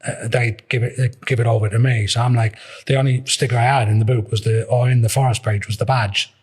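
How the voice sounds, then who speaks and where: A man's voice: medium pitch, little pitch movement, fast talker, breathy edge. A man in his fifties with a Liverpool accent, telling his life story in a casual, rambling way with many restarts.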